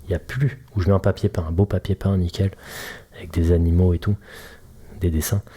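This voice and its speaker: Relaxed, mellow-voiced man. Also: sits low, brisk, husky. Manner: chatty, jokey, addresses listener directly with analogies. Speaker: mobility coach and podcast host. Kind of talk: casual solo podcast talk.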